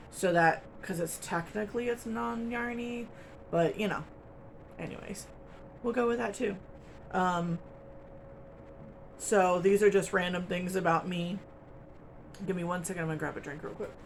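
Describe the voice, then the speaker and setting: A woman hosting a crochet channel talks casually to her camera at home, wandering from point to point with plenty of ums. Her voice has a gravelly edge. A faint hiss of noise sits behind her. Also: lowish voice. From United States. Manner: chatty, rambling, with frequent ums and little laughs.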